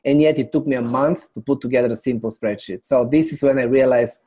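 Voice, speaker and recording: A middle-aged man from Bulgaria, a company founder explaining his business as a podcast guest in a measured way. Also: medium pitch, fairly even intonation, mellow, breathy edge. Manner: measured, explanatory, lists items. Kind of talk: business interview.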